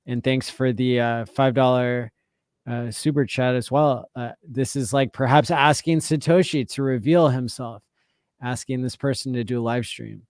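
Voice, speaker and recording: A man hosting a livestream in a relaxed, easygoing way, using many ums and uhs as he thanks his viewers. His voice is smooth and clear, at a middling pitch. It is recorded dry, with no room sound. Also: normal speed, dry recording. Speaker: livestream host. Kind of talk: casual livestream chat.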